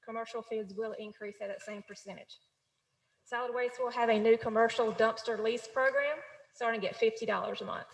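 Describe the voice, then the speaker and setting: A woman on city staff presenting a budget at a council meeting, reading out figures in a steady, businesslike way. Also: on the high side, brisk, creaky. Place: council chamber. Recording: echoey chamber with long reverb.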